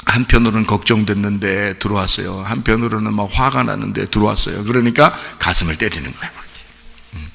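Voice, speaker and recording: A man's voice: on the low side, fairly quick, creaky, bright, forceful tone. A male pastor giving a conversational sermon in a church, full of rhetorical questions to the congregation. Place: church sanctuary. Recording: long reverb in a church hall.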